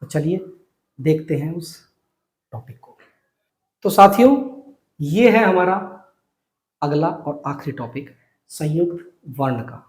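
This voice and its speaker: Male Hindi teacher, high-pitched, patient syllable drills, roomy echo. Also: animated, a little mellow. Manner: slow, repetitive drilling of syllables. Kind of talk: whiteboard reading lesson.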